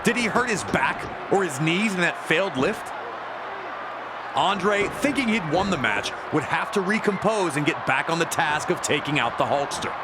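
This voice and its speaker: With a slightly high, expressive voice at a moderate pace, this man commentates wrestling in an emphatic, suspenseful documentary style. Behind him, a wrestling crowd roars and the ring slams amid heavy arena noise.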